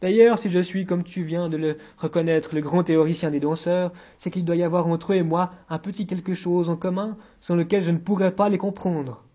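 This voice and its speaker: A man voicing a suave, witty male intellectual with a soft, self-assured delivery in an audiobook reading. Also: high voice, steady tone, fairly quick, hardly any pauses. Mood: wry.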